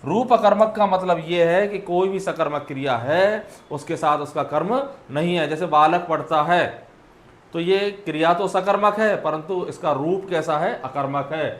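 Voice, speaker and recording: Slightly high-voiced man teaching a class. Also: normal speed, reverberant. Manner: explanatory, asks and answers his own questions; clears throat and coughs now and then. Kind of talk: exam solution lecture.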